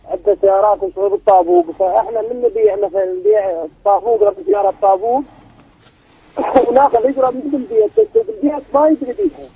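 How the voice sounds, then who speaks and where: Man, Iraqi accent, caller, hesitant, gravelly, very high, tinny phone line. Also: big pitch swings, fast. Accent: Iraqi Arabic. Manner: hesitant, fumbling explanation.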